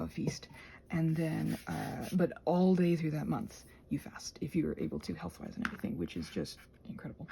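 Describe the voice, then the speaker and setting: A low-pitched woman hosting ASMR videos chats in a wandering, breathy way, often sinking into a whisper as she questions herself and thinks aloud. A faint hiss or hum sits in the recording.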